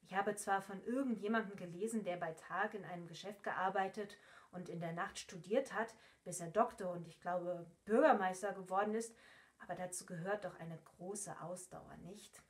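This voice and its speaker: A woman's voice: medium pitch, moderate pace, natural voice. Earnest young man, unsure; woman reader. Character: earnest young male emigrant.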